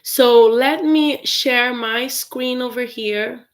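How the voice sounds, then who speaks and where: Her voice runs a little high and she takes her time. She's a Brazilian native Portuguese speaker giving a casual English lesson on a livestream, talkative and prone to fillers and restarts.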